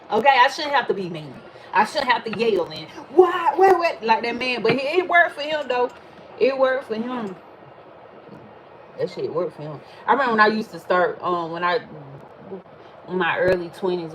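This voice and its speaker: Animated, slangy woman reading tarot. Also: medium pitch, slight background noise, rough recording. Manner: animated, slangy, swears freely. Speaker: tarot reader. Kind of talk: casual livestream chat.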